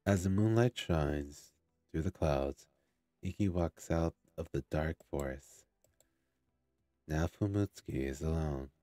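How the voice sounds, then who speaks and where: Brief: low, slow male streamer, sore throat, slurred, mellow tone, dry close mic. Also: no echo. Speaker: gaming streamer. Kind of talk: reading a game story aloud.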